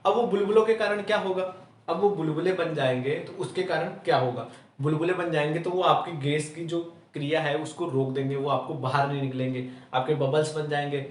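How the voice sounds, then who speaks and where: Lecturing a little fast in a fairly high voice, a male chemistry teacher from Rajasthan, India, asks rhetorical questions and then answers them himself, ending almost each point with "theek hai." It's recorded from a distant mic with roomy echo.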